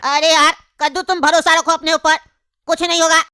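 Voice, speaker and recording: A woman's voice: extremely high pitch, flat delivery, fairly quick, sharp tone, no room sound, studio quality. A woman voicing a nosy, gossiping male neighbour in a cartoon comedy, over-sympathetic.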